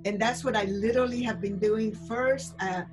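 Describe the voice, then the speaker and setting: Enthusiastic older woman with a Chilean accent, interview guest, music bed clearly under her. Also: fairly high pitch, steady tone, normal speed, rough recording. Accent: Chilean Spanish. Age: 60s. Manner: enthusiastic, storytelling, many fillers. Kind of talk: interview answers.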